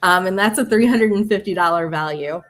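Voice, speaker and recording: A woman with a Midwestern accent hosting a casual livestream, chatty and quick to laugh. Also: fairly low pitch. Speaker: livestream host.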